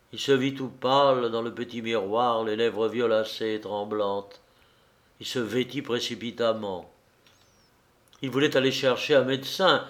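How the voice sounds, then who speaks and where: A man narrating a literary story in a measured, dramatic reading. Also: medium pitch, fairly bright tone. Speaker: audiobook narrator.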